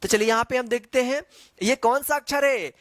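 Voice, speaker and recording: A man's voice: very high voice, a bit bright, dry recording. A man teaching the Hindi alphabet in an online lesson, reciting letters one by one and checking in often with the viewer. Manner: slow, drawn-out recitation with frequent check-ins; quizzing the viewer with repeated questions.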